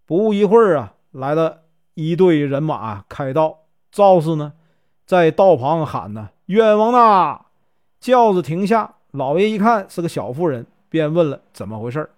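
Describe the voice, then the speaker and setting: A man telling a folk tale in a lively, chatty way, with drawn-out fillers. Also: fairly high pitch. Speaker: storyteller. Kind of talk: folk storytelling narration.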